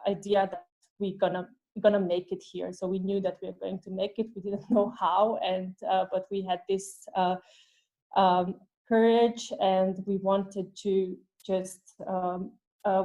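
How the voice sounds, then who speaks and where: A woman, a guest telling her story in an interview, halting and restarting phrases as she searches for words. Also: mid-range voice, mellow, lo-fi sound. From Bosnia and Herzegovina. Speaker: guest, business development leader. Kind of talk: casual interview conversation.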